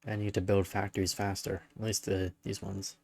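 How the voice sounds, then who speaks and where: A man's voice: sits low, little pitch movement, fairly quick, gravelly, a little mellow. A man giving casual live-stream commentary while playing a strategy game, musing and thinking aloud. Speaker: gaming streamer.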